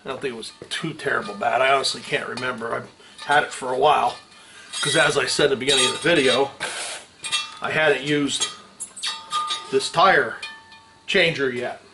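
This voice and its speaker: In a garage with the door open, a middle-aged mechanic hosts a hands-on how-to video, tossing out folksy, salty slang as he works a few feet from the camera. His medium-pitched voice is bright and forceful, at a normal speed with frequent pauses. The audio is poor, with metal tools clanking throughout.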